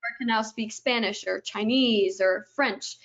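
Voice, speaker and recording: A woman with a slightly high voice eagerly walks through a software product as a webinar guest, chaining each step with "and then." The sound is dull and lo-fi, as though it came through a video call. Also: measured pace. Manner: eager explaining, strings steps together with "and then".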